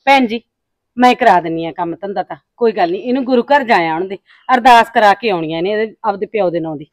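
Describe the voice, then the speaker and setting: A woman playing a soft-spoken peacemaking older woman. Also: mid-range voice, fast, dry recording, studio quality, close to an everyday voice. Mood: placating. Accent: Punjabi. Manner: soft, placating. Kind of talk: village family drama acting.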